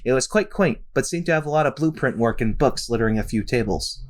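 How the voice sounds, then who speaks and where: A man narrating a fan story aloud at a casual, unhurried pace, stumbling over words now and then. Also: mid-range voice, animated. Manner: unhurried, stumbles and laughs between lines. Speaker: narrator and fanfic reader. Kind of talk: casual fanfic reading aloud.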